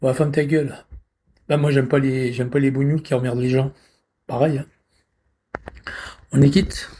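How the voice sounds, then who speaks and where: A man's voice: medium pitch, little pitch movement, brisk, mellow. A man in a rambling live stream chat, irritable and swearing constantly, talking from a friend's apartment.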